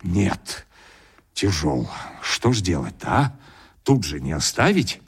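A man reading an audiobook, voicing a stubborn, grumbling old village grandfather who mutters to himself in a husky voice. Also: sits low, big pitch swings, slow, voice pushed down, full character voice. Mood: low muttering. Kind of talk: audiobook character voice.

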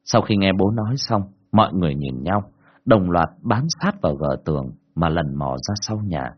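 A man narrates a horror story in a dramatic, expressive way, his pitch rising and falling a lot. His voice is husky, and the recording sounds dull and lo-fi. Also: moderate pace.

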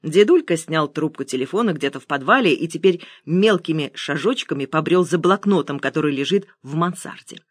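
A woman narrating an audiobook in an expressive, ironic storytelling manner, close to the mic. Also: low voice, fairly quick, few pauses, husky, dry recording. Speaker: audiobook reader.

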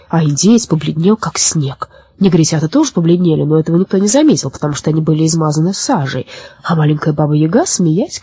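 A woman narrating a children's storybook in an expressive, animated way. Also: on the low side, slightly rough, no echo. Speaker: audiobook reader.

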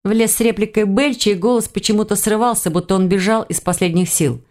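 A woman reading a first-person fantasy audiobook in a lively, expressive storytelling manner. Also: mid-range voice, brisk. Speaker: audiobook reader. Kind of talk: scripted first-person narration.

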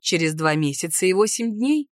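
A woman voicing a restrained, commanding young male ruler in an audiobook, speaking low and measured. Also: expressive, dry recording, studio quality, close to an everyday voice. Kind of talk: audiobook character voice.

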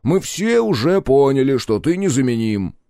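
Blunt gloomy crew guy , a man putting him on for an audiobook, loud and fed up. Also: medium pitch, very animated, normal speed, no echo, studio quality, pitched above the performer's own voice. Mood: exasperated.

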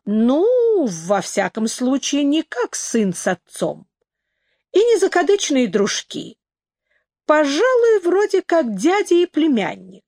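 A woman's voice: fairly high pitch, animated, normal speed, no echo, natural voice. A woman reading an audiobook, voicing a wry young man who works as a factory clerk, with a dry, ironic delivery.

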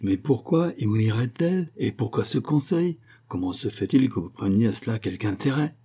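A man's voice: medium pitch, expressive, normal speed, warm tone, breathy edge. A man reading the part of a hostile, imperious baronet, cold and cutting in his questions. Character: haughty, hostile baronet, middle-aged man.

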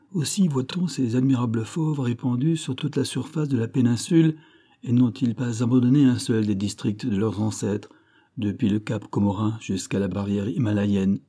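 A man's voice: lowish voice, mellow, close to an everyday voice. A man reading an audiobook, voicing a pompous, lecturing middle-aged animal dealer who declaims in grand, wordy phrases. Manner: grandiloquent, declamatory, fond of rare words.

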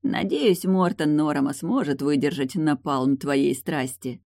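Mocking playful guy sidekick, done by a woman reader, low mellow voice, dry. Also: a little slow, creaky, no room sound. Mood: teasing. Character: teasing young male sidekick.

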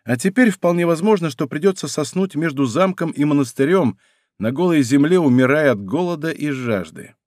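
A proud young Gascon musketeer, voiced by a man reading an audiobook, with a Gascon accent, raised and ringing, swinging lively up and down. He talks back brashly and defiantly, quick to threaten with his sword. The read sounds close and dry. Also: fairly high pitch, no echo, natural voice. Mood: brisk. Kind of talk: audiobook character voice.

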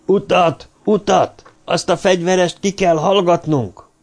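A man's voice: medium pitch, dark tone, lightly acted. A man reading an audiobook, voicing a humanoid male robot who questions firmly and insistently, his voice raised above his narrating tone. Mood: shouting.

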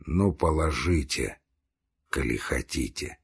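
A man voicing a gaunt dying man, bitter and mocking, who wheezes and rasps and forces out slow, halting words. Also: deep voice, full character voice. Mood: strained. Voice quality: wheezing, rasping. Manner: slow, strained, halting speech.

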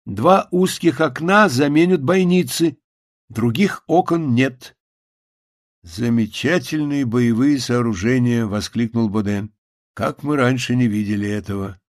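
A man narrates a story in a calm, measured reading voice of middle pitch. He drops lower and quieter for hushed lines. The sound is dry and close, with no room around it. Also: dry recording. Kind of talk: audiobook reading.

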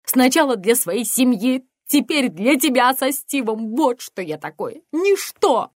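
A woman voicing a distraught single mother who shouts and sobs, gasping for air, in an audiobook. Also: on the high side, very animated, a little slow, no room sound, voice pushed up. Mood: screaming.

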